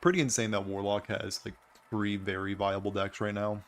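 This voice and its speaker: A man's voice: fairly low pitch, flat delivery, moderate pace. A man giving casual gameplay commentary as host, with a dry, wry, understated way of talking. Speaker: gaming video host.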